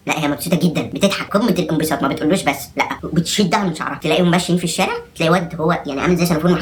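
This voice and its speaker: A man's voice: on the high side, a bit bright, a little hiss or hum. A young man in his twenties with an Egyptian accent, delivering a sarcastic, exasperated comic rant to camera. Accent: Egyptian Arabic. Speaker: vlogger.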